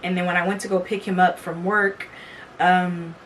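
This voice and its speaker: A woman's voice: fairly low pitch, level tone, moderate pace. Candid young woman, mic a bit distant. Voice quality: candid, profane, chatty. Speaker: podcast host. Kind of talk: casual storytelling monologue. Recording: from the mic, faint background noise.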